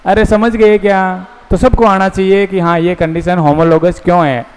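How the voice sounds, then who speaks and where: A man's voice: sits high, flat delivery, normal speed, clear, resonant tone. A male teacher giving a classroom lecture, coaxing students with call-and-response questions. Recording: echoey classroom hall.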